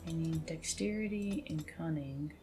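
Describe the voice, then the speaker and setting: A woman chatting casually as she plays a video game, talking to herself with sudden high exclamations. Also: measured pace, mellow, faint music behind. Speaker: gaming host.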